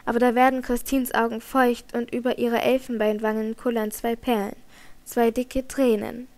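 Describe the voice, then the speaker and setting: A woman narrating a classic novel as an audiobook, in measured, dramatic storytelling. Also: on the high side, little pitch movement, a little mellow. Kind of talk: scripted narration.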